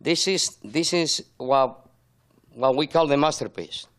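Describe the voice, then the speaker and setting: In an interview, an older Spanish man explains his work as a sculptor, speaking slowly in a voice on the high side with a Spanish accent. He was born in Andalusia and grew up in Madrid.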